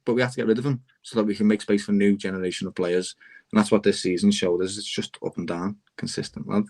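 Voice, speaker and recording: Speaking quickly in a voice on the low side, a young Liverpool fan on a football podcast argues his point with passion. His Scouse accent is clear, he's animated, and he calls everyone "lad" throughout the casual debate.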